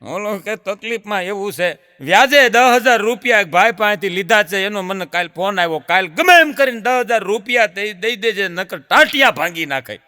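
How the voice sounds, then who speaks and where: Bright-voiced Gujarati man telling folk jokes. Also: sits high, normal speed, few pauses, clear, resonant tone, in a large hall. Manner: lively folk storyteller, addresses audience as sir. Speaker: comedian. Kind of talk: stand-up folk comedy storytelling.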